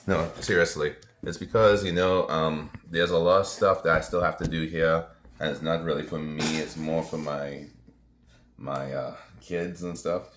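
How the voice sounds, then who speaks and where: A middle-aged man from Trinidad and Tobago with an extremely deep voice, speaking in a relaxed vlog chat. He meanders through his points with fillers and asides to viewers, and his voice echoes around the room he records in. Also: slight background noise. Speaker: retired veteran vlogger. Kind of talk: casual talking-to-camera vlog.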